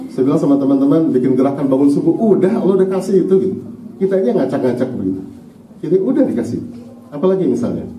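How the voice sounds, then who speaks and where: A man's voice: medium pitch, dark tone, a little hiss or hum. A man with an Indonesian accent giving a conversational Islamic parenting lecture to parents in a mosque, often checking in with the audience. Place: mosque hall. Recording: echoey hall, recorded from a distance.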